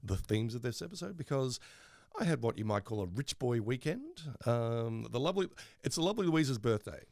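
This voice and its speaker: Creaky-voiced Australian man, lively podcast banter. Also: mid-range voice, brisk, dry recording, studio quality. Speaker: podcast co-host. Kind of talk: casual banter.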